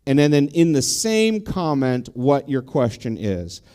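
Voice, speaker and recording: A man's voice: mid-range voice, very animated, unhurried, warm tone, smooth. A middle-aged man, a deacon, casually hosting a live-streamed panel discussion, talking conversationally with frequent ums and restarts.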